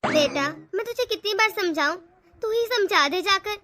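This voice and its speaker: A woman voicing a strict, stubborn older mother-in-law in an animated family cartoon, nagging and scolding her family. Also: extremely high pitch, normal speed, heavily acted.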